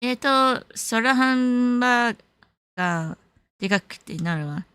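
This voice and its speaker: Expressive and measured, a young California livestream host talks casually with her viewers, switching between English and Japanese with frequent laughter. Her voice is on the high side, a bit bright, clear, and resonant, with no echo.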